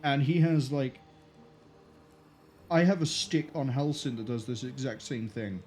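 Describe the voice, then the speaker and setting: A man's voice: medium pitch, unhurried, darkish tone, faint music behind. A man streaming a video game, casually thinking aloud with fillers. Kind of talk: live game commentary.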